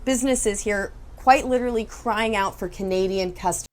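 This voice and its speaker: A woman TV news reporter narrating a scripted story in a measured way. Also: medium pitch.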